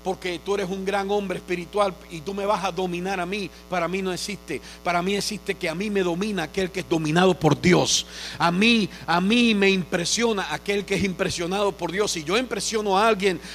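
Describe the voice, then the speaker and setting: A pastor from Cuba preaching a sermon, telling stories earnestly and building to fervent proclamation. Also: male voice, high-pitched, moderate pace, a bit bright, faint music behind.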